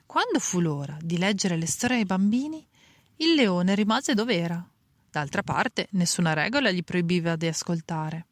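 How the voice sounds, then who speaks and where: A woman reading a children's story aloud slowly and clearly. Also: on the low side, expressive, no echo. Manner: slow, clear reading with voices for characters.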